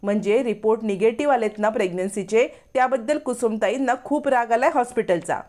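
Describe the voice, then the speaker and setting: A woman voicing a clever young husband who quickly explains and reassures. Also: a little high, darkish tone, natural voice. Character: clever young husband smoothing things over.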